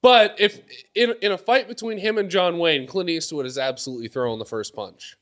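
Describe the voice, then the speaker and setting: A man's voice: high-pitched, a little fast, a bit bright. A man in casual chat with a jokey, argumentative manner.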